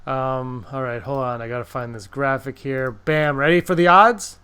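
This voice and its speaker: A man's voice: mid-range voice, steady tone, moderate pace, bright, forceful tone, clear, resonant tone. A man hosting a podcast in casual chat, talkative and wryly joking. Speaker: podcast host.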